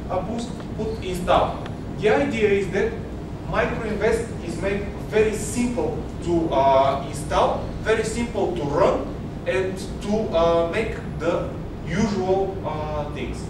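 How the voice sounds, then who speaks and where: Man from Bulgaria, hesitant presenter, slightly high voice, distant mic, clear hum behind. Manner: hesitant, many filler sounds, non-native phrasing. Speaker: software presenter. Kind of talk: conference product presentation. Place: hotel conference room, indoors. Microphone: far camera. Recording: very echoey room, distant mic, background hum.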